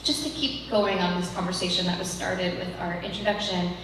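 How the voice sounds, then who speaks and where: A woman's voice: on the low side, flat delivery, a little fast. A woman moderating a live panel, introducing guests effusively with some fillers. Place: large echoey hall. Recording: echoey hall, distant, noisy.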